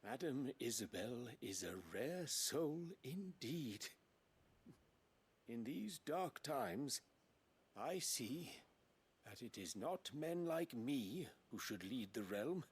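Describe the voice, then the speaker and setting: A man's voice: medium pitch, very animated, takes it slowly, pauses often, slightly rough, exaggerated voice. An actor playing a humbled, stately nobleman in a video game, speaking formally and solemnly. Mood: solemn resolve. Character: humbled stately imperial nobleman, contrite father.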